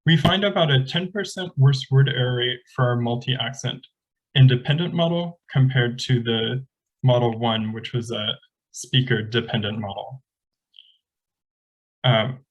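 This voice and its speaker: A man giving an academic conference presentation, explaining methods in a measured, technical way. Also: medium pitch, rough recording.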